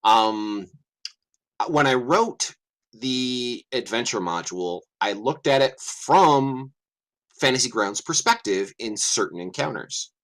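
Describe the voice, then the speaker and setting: Speaking slowly in a mid-range voice, a middle-aged man serves as a guest game master on a livestream call. He chats casually and with energy, cursing offhandedly and muttering while he looks through his screen.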